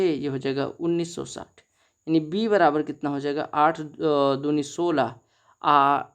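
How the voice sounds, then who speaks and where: A male maths teacher giving an exam-prep lesson, talking each sum through step by step in a chatty way and calling his students brother. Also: fairly high pitch. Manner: chatty, steps through sums aloud, calls students brother.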